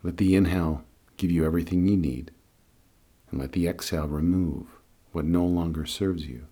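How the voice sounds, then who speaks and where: A man leading a guided meditation in a calm, soothing, unhurried way. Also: low-pitched, breathy edge. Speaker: guided meditation and breathing teacher.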